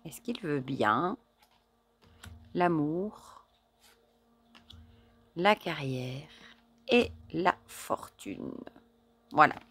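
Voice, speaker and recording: A woman in casual chat with her viewers, showing and admiring a deck of oracle cards, chatty and admiring, with soft murmured asides. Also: low voice, expressive, drawn-out words, long pauses, husky. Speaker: card reader and oracle deck reviewer.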